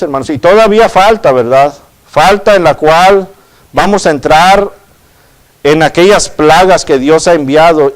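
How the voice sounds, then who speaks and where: High-voiced man preaching a sermon. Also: poor audio. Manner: peppers speech with rhetorical questions and "verdad"; addresses listeners as brothers. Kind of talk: sermon with Bible reading.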